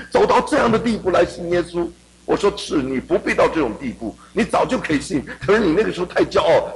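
A middle-aged man preaching a sermon, telling a personal story and swinging between hushed passages and emphatic ones. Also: fairly high pitch, creaky, rough recording.

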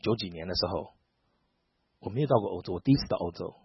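In this clip a man speaks in a low, fast, husky voice with no echo, and the audio is dull and lo-fi. He's a middle-aged pastor from Taiwan giving a sermon, performing the dialogue in his stories with lively, animated delivery.

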